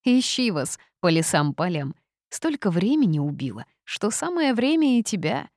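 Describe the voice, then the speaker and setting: A woman's voice: medium pitch, sing-song, normal speed, darkish tone, dry recording, studio quality, voice pushed up. A woman voicing a cheeky, grumbling female harpy who teases, in an audiobook. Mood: teasing. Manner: cheeky, teasing.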